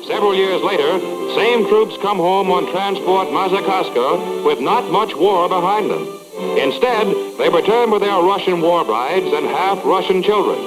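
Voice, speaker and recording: A man's voice: high-pitched, expressive, moderate pace, poor audio. A man narrating an old newsreel in a clipped, headline-style announcer delivery. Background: loud music.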